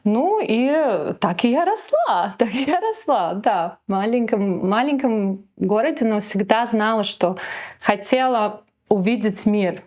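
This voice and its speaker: Speaking with a Latvian accent, a young woman is a guest in a relaxed interview, full of fillers and hesitations, mixing in English words. She sounds animated yet unhurried, with a medium, slightly mellow voice.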